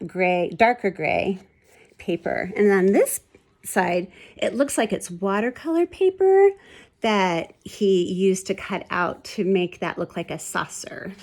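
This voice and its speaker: Reading a children's story aloud, a woman uses a fairly low voice with a darkish tone. She performs the text expressively and explains things about the pictures like a teacher.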